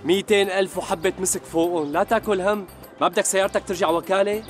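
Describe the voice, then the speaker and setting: A man playing a fast-talking smooth Syrian con man. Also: high-pitched, fairly even intonation, faint music behind, close to an everyday voice. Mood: smooth reassuring. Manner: fast, ingratiating and overly apologetic. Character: smooth-talking male con man posing as a returnee from abroad. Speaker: actor in a comedy sketch. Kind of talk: Levantine TV comedy acting.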